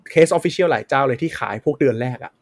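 A man's voice: medium pitch, fast. A man co-hosting a casual tech podcast, explaining at length with many fillers. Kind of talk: casual chat.

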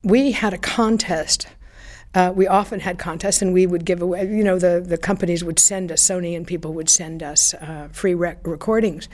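An older woman who once worked as a radio broadcaster is interviewed, sharing chatty anecdotes from her radio days with fillers and little laughs. Her voice is lowish and a little mellow, with fairly even intonation at a normal speed.

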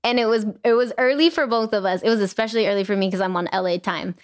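A young woman hosting a podcast, chatting casually and gushing with warmth, slipping in Spanish phrases. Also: mid-range voice, fast talker, dry recording, studio quality. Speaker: podcast host. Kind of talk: casual chat.

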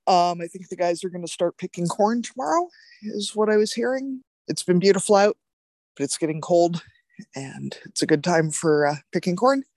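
A woman's voice: lowish voice, normal speed, a little mellow, dry recording. A woman co-hosting a podcast, chatting bluntly and offhandedly from outdoors in a farm yard. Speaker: podcast co-host, sheep farmer. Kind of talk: casual chat.

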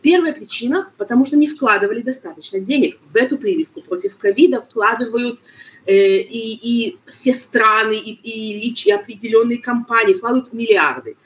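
Halting woman explaining. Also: fairly high pitch, rough recording. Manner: halting, searches for words, mixes in foreign terms. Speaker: medical expert guest being interviewed. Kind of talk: explanatory interview talk.

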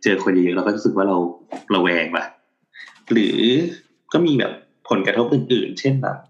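A man on a podcast explaining in a relaxed, blunt, slangy way. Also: sits low, moderate pace, lo-fi sound. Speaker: podcast co-host. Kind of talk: casual chat.

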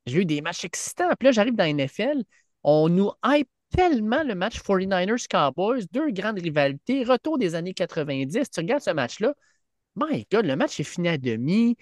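A man's voice: sits high, big pitch swings, moderate pace, no echo. A man with a Quebec French accent giving casual sports commentary as a podcast co-host.

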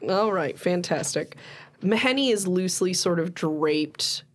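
A woman's voice: lowish voice, animated, unhurried. A woman narrating as game master of a tabletop game, playful and teasing.

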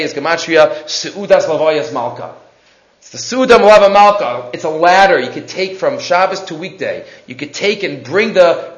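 A man with giving an animated religious lesson as a rabbi, emphatic, repeating phrases and answering his own questions. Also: high voice. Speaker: rabbi teaching a Torah class. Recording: echoey room, dull muffled sound.

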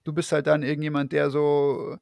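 A man's voice: fairly high pitch, completely flat delivery, normal speed, gravelly, darkish tone, clear, resonant tone, no echo, studio quality. A man hosting a podcast, talking casually and rambling with many fillers and restarts. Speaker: podcast host. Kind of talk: casual conversation.

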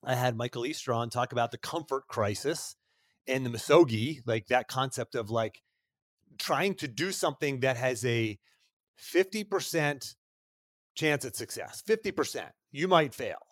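A man's voice: mid-range voice, animated, normal speed, dry recording, clean studio sound. A man hosting a podcast, talking in a conversational way and stacking up phrases for emphasis. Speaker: podcast host. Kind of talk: casual podcast interview.

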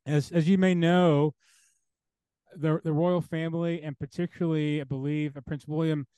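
Brief: male interview guest, theologian, emphatic and insistent, stacks phrases in a row, fairly high voice, dry close sound. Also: flat delivery, moderate pace, warm tone, clean tone, no room sound. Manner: emphatic, builds points through repeated parallel phrases. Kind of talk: earnest interview talk.

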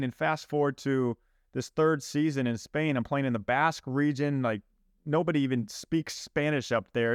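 A man in his thirties, from Iowa, telling his story as a podcast guest in an animated, self-deprecating way. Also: on the high side, clean tone, no room sound, studio quality. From Iowa, USA. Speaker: podcast guest, mindset coach. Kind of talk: conversational storytelling.

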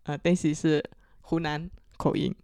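A woman's voice: low-pitched, little pitch movement, a little slow, creaky, mellow, no room sound, clean studio sound. A woman with a Teochew accent from the Chaoshan region, co-hosting a casual podcast chat. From Chaoshan, Guangdong, China. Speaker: podcast co-host.

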